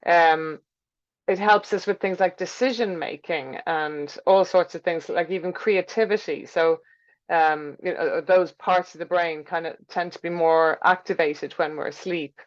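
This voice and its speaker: Low-voiced woman teaching, slightly muffled. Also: fairly even intonation, a little slow. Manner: chatty, thinking aloud, explanatory. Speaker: teacher presenting a health class. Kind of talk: informal lecture with slides. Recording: dull, lo-fi sound.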